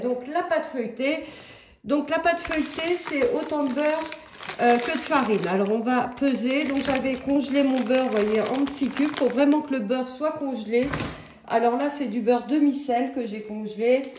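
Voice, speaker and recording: A woman's voice: high voice, normal speed, roomy sound, background noise. A woman giving a casual cooking demonstration in a home kitchen, talking in a chatty, hesitant way with many fillers.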